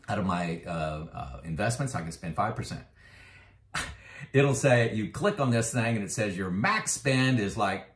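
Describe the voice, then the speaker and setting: A man in his fifties, a retirement finance vlogger, talks to camera in a voice that sits low and a bit bright, with an echoey room around him. He discusses his own finances casually and conversationally, filling gaps with fillers and turning emphatic on key points.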